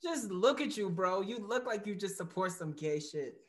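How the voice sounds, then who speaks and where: A cocky teenage boyfriend who mocks his friends, played by a student actor. He talks in loud, slangy bursts in a student stage play. His voice sits at a middle pitch. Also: animated, moderate pace, close to an everyday voice. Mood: mocking.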